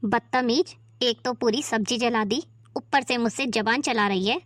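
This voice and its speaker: A woman playing a shrill bossy sister-in-law. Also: measured pace, lightly acted. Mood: furious. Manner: shrill scolding, barks orders. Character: harsh bossy sister-in-law, scolding, domineering. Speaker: performer in a family skit. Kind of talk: amateur family drama acting.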